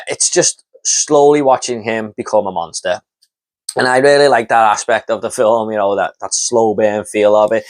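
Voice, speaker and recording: A man giving a casual, enthusiastic spoken review of horror films, rambling with lots of fillers and repeating words as he starts a thought. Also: mid-range voice. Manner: enthusiastic, rambling, with many fillers like "you know" and "and everything".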